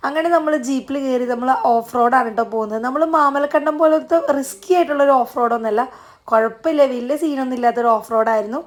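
Female travel vlog narrator. High pitch, brisk pace, chatty viewer-directed delivery. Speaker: travel vlogger.

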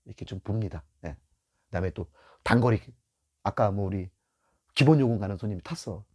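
A man's voice: on the low side, moderate pace. A middle-aged man who drives a taxi gives beginners blunt, casual advice, acting out scenes from the road and repeating his key points. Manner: animated, acts out scenes from the road. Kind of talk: casual spoken lesson.

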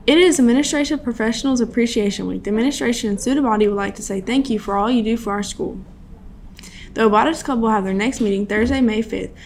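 A woman's voice: mid-range voice, creaky, a little mellow, slight background noise. A young woman anchoring scripted school morning announcements at a desk microphone. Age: teens to young adult, high school student. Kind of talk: scripted news announcements read to camera. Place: small studio at a desk. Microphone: desktop microphone.

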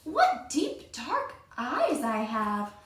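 A woman's voice: on the high side, huge pitch swings, very slow, fairly bright tone, echoey room, recorded from a distance, full character voice. A woman reading a picture book aloud, voicing a vain, boastful little girl in a red cape. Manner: boastful, self-admiring.

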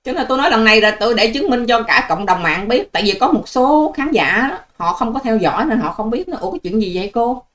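An older woman rants straight to her viewers, scolding and sarcastic. Her voice sits a little high, and she fires off her words at a rapid clip. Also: animated, a bit bright. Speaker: online channel host. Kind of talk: ranting vlog monologue to viewers.

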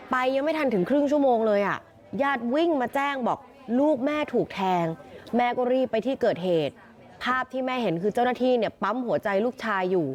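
A woman field reporter telling a news story in a chatty, animated way. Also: a little high.

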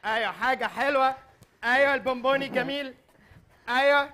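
Very high-voiced excitable Egyptian man. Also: a little fast, a little hiss or hum. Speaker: game show cast member. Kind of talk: playful banter on a comedy game show. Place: large indoor studio set.

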